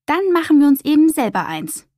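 A woman voicing a playful, gentle male hare in a storybook reading, speaking softly. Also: fairly high pitch, big pitch swings, normal speed, slightly rough, no echo, clean studio sound.

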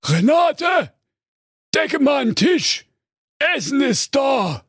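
A man's voice: very high voice, sing-song, slow pace, no room sound, clean studio sound, pitched above the performer's own voice, exaggerated voice. A man voicing a greedy, pompous male ogre in a comic fairy tale, with a raised, blustering, bossy voice. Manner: bossy, blustering, shouting orders.

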